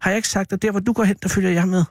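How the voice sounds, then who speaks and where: A man's voice: sits high, fairly even intonation, no echo, studio quality, voice pushed up. A man reading aloud and voicing a frightened, devoted young boy who pleads and cries out. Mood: insistent. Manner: pleading, crying out.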